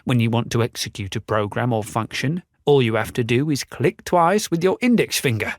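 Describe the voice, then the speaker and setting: A man's voice: mid-range voice, lively intonation, moderate pace, dry recording, lightly acted. Audiobook casting: a man playing a forgetful old tinkerer, patient and instructive, dry close read. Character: old male inventor, kindly, forgetful. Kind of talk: audiobook character voice.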